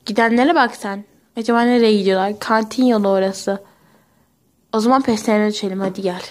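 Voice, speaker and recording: A woman's voice: medium pitch, steady tone, fairly quick, a little mellow, a little hiss or hum. A young woman performing every part of a homemade pony toy story, switching between chatty playful character voices.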